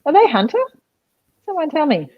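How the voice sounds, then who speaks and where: Woman, online show host, chatty and animated, dry lo-fi call audio. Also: high-pitched, moderate pace, no room sound. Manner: chatty, reads out viewer messages, laughs often. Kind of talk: live online chat show. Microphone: video call.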